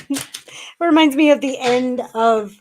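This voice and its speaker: A woman's voice: sits high, takes it slowly, a little mellow, slight background noise. A woman co-hosting a live-stream tarot reading, giggly and eager, with supportive interjections. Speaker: tarot reader, stream co-host.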